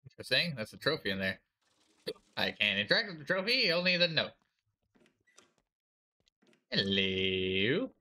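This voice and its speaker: A man's voice: a little high, big pitch swings, fast talker, pushed and bright. A man doing let's play commentary on a horror game, talking to himself in a wry, joking way while he has the hiccups. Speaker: VTuber streamer.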